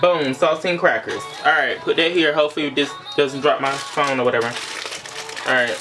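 A man's voice: mid-range voice, normal speed, over music, poor audio. A young man chatting casually to camera as a vlogger, informal and full of playful asides. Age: young adult. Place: small indoor room.

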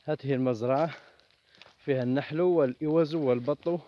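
A man's voice: on the high side, a little fast, dull audio. A man recording himself with a handheld phone outdoors on a farm, explaining in a plain, instructive way as he works at open beehives. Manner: plain, instructive, talks while working. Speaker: beekeeper and farmer. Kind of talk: hands-on demonstration narration. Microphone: phone camera held in hand. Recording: outdoor phone recording with clear background noise and insect buzz.

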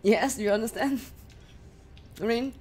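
A young Singaporean-accented streamer, voice on the high side, slow and a little mellow, plays a horror game live and chats with viewers. She curses and shrieks when scared, recording from a small bedroom on an arm-mounted studio mic with headphones.

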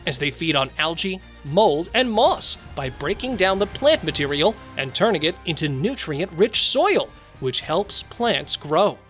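A man reading scripted nature documentary narration as a presenter, in measured phrases. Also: fairly high pitch, fairly bright tone. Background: music.

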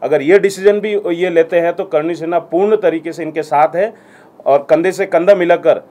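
Firm man with a dark voice. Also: a little high, fairly even intonation, normal speed. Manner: firm, declarative, with hesitation fillers. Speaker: organization representative at a press conference. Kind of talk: formal press statement.

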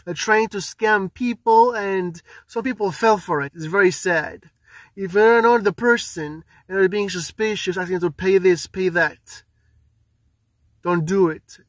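A man's voice: sits high, unhurried. A man in his thirties speaking emphatically and repetitively to camera, warning viewers. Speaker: prank video host. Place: small room and parked car interior. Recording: roomy, distant from the mic.

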